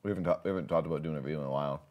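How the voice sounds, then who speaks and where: A man's voice: extremely low pitch, rapid-fire, a little mellow. A man casually chatting with his viewers while playing a game on a livestream, rambling and laughing often. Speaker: streamer.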